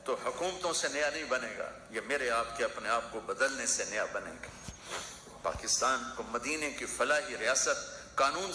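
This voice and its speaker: A man's voice: medium pitch, bright, forceful tone, a little hiss or hum. A man preaching an emotional sermon in rhythmic, repeating phrases. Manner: impassioned, rhythmic repetition. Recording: echoey hall with faint ambience.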